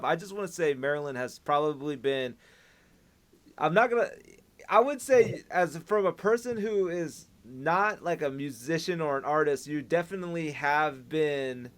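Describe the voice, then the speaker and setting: A man's voice: on the high side, expressive, moderate pace, fairly bright tone. A male podcast host asks casual interview questions. He stops partway and rephrases them several times before he gets them out.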